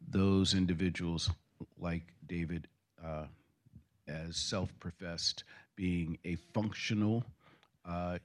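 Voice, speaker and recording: A man in the audience asking a long, deliberate question at a panel discussion. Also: low-pitched. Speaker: audience member.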